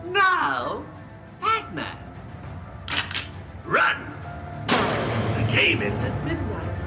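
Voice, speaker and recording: A man's voice: wildly swooping pitch, drawn-out words, over loud music, full character voice. An actor playing a gleeful, sadistic male clown villain who taunts and cackles theatrically in an audio drama. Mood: mocking. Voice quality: shrill cackling, theatrical, mocking.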